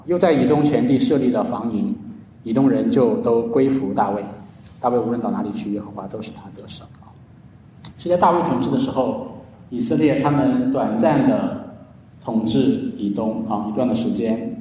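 A man's voice: medium pitch, warm tone, a little hiss or hum. Man preaching in an echoey hall. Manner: earnest storytelling preaching, frequent drawn-out "啊" endings. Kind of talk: sermon. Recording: echoey hall, heard from a distance.

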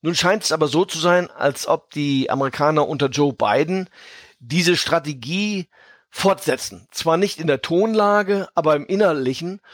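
A man speaking as an expert podcast guest, explaining in a measured, conversational way with genteel phrasing. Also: fairly high pitch, no room sound, clean studio sound. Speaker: podcast guest, fund manager.

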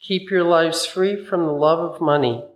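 A man's voice: on the high side, normal speed, highs cut off. A man serving as a church reader, reading a scripture lesson aloud. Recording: echoey church.

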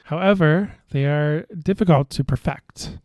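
A man co-hosting a podcast in casual beer-tasting chat, relaxed and hesitant, with many fillers and restarts. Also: a little high, measured pace, no room sound, clean studio sound. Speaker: podcast co-host.

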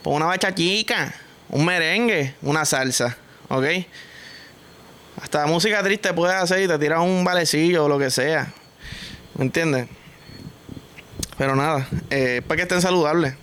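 A man's voice: a little high, normal speed, long pauses, a bit bright. A man with a Puerto Rican accent hosting a vlog, delivering a crude, joking rant packed with slang. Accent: Puerto Rican Spanish. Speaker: vlogger host. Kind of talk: casual comic monologue vlog.

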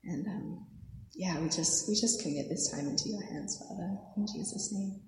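A woman preacher, her voice croaky and hoarse from a sore throat and fairly low in pitch, prays softly and hesitantly with many fillers before reading scripture and preaching at a normal speed. The sermon takes place in a church hall, and the recording is echoey with faint noise.

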